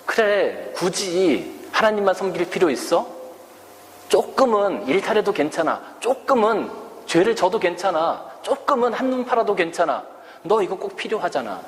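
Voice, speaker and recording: A man's voice: sits high, sing-song, normal speed, voice pushed up. A man voicing a sly, coaxing Satan. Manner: coaxing, whispery persuasion. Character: sly wheedling male Satan, tempter. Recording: echoey church hall, faint ambience.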